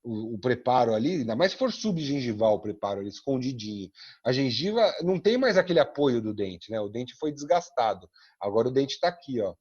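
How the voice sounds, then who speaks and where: A man's voice: mid-range voice, a little fast, breathy edge. A man with a Brazilian Portuguese accent teaching an online dental prosthetics class, acting out talks with dentists and patients and ending his sentences with a questioning tag. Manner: animated, acts out dialogues with dentists and patients; tags sentences with frequent "né?". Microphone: computer mic on a video call. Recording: dull lo-fi video call audio.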